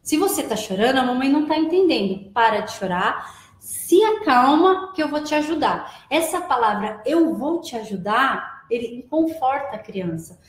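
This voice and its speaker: Woman guest, high voice, explains and repeats key points, roomy echo. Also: animated, moderate pace. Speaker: guest, preschool operations director. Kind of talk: live advice chat. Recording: echoey room.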